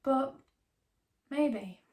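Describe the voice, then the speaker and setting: A woman playing a wry, defiant young woman obsessed with ghost stories in a theatrical dramatic monologue, emphatic and full of lingering pauses. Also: high-pitched, a little mellow. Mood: argumentative, musing.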